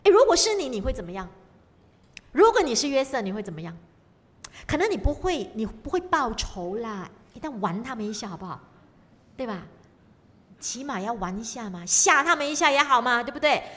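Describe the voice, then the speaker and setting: A woman's voice: on the high side, very animated, brisk, a bit bright. A woman preaching a sermon, emphatic and full of rhetorical questions. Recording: long reverb of a hall.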